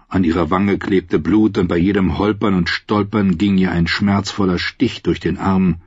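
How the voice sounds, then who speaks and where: A man reading a novel aloud in a measured, dramatic narration style. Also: deep voice, husky, no room sound, dull audio. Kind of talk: scripted audiobook narration.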